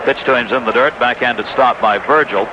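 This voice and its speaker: An American man calls live baseball play-by-play on 1980s radio from a stadium broadcast booth, his mid-range voice at normal speed. The recording is a noisy, dull vintage AM broadcast.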